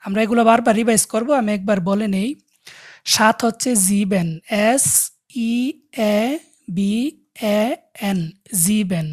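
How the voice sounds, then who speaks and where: A woman teaches a language class online, talking over a video call. Her voice sits at a medium pitch. She spells out each word letter by letter, then leads the students through drills where they repeat after her. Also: fairly even intonation, a little slow.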